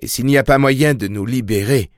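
A man's voice: mid-range voice, a little fast, no echo, studio quality, pitched above the performer's own voice, lightly acted. A man voicing a desperate young mother who pleads urgently, raising his voice for her. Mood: pleading.

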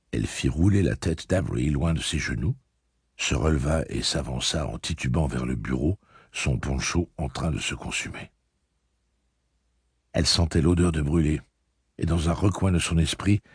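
A man reading a novel aloud as an audiobook narrator, telling the story in a measured, steady way. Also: rumbling low, husky, no room sound, clean studio sound.

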